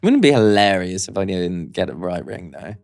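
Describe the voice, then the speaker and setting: Playful young man with a lively voice. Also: deep voice, brisk, no echo, studio quality. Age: 20s. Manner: playful and teasing, jumps to excited outbursts. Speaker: podcast co-host. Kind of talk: casual chat.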